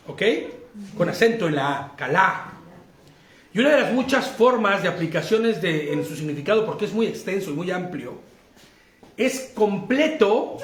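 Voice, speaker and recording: High-voiced Mexican man leading Bible study. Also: a bit bright, echoey room. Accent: Mexican Spanish. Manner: questioning, checks in often with his listeners; laughs easily while teaching. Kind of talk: interactive Bible study lesson.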